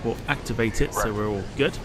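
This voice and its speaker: A man's voice: fairly low pitch, brisk, noisy background. A man giving casual live-stream commentary as a flight simulator pilot, informally thinking aloud as he works through tasks.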